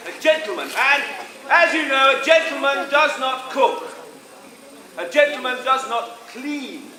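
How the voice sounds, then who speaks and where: An actor playing a pompous English gentleman detective on stage with an English accent, theatrically coaxing a live audience to join in. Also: very high voice, expressive, a little slow, heavily acted. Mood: playful. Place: large indoor sports hall. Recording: echoey hall, loud audience noise. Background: noisy crowd of children.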